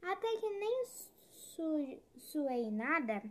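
Woman doing a raised, bright voice for a sly, cheeky storybook tortoise. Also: sits high, very animated, very slow, a little hiss or hum, pitched above the performer's own voice, heavily acted. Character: cheeky clever male tortoise trickster.

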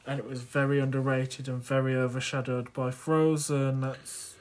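A man co-hosting a podcast, talking in a relaxed, thoughtful and hesitant way. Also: mid-range voice, normal speed. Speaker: podcast co-host. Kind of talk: casual chat.

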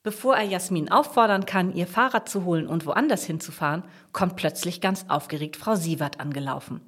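A woman narrating a children's story aloud in an expressive storytelling manner. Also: on the low side, brisk, slightly rough.

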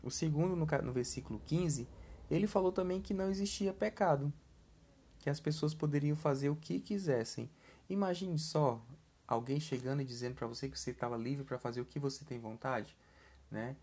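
A man's voice: on the high side, moderate pace, a little mellow, breathy edge. A man giving a casual scripture lesson in a conversational way, often putting questions to the listeners and adding tag questions. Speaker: scripture teacher.

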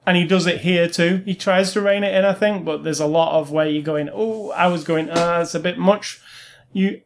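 Co-hosting a film review, a man with a slightly high, creaky voice speaks casually and informally. He doesn't soften his opinions.

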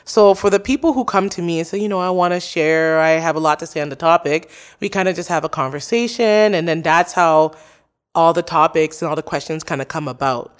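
A woman's voice: sits low, fairly quick. Chatty woman podcaster being interviewed. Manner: chatty, many likes and you knows. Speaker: podcast host, interviewed as guest. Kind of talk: casual interview chat.

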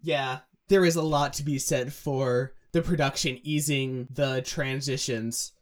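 A man's voice: medium pitch, steady tone, measured pace, slight background noise. A young man co-hosting a music breakdown, explaining the pronunciation of vowels and demonstrating the sounds himself. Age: young adult. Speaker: music analysis co-host. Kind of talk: casual analytical chat.

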